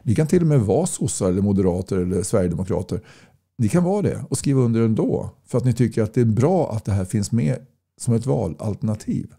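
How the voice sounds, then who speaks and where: Gravelly, dark-voiced man. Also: fairly low pitch, lively intonation. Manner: blunt, folksy, repeats points with rhetorical questions. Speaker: political campaigner. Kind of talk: casual direct-to-camera talk reading viewer comments.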